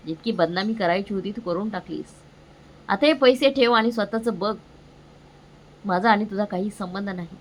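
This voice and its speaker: Here an angry father lashes out at his son with harsh threats in a spoken storybook. A woman narrator reads him. Her tone is raised and sharp, but her pitch stays close to her own voice. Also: lightly acted. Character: angry stern father, middle-aged man.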